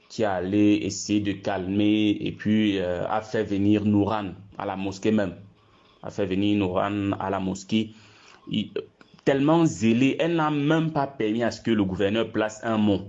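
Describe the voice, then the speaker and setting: A man's voice: on the low side, darkish tone. A man with a Cameroonian accent giving an informal eyewitness account, repeating himself for emphasis as he goes. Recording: muffled lo-fi recording.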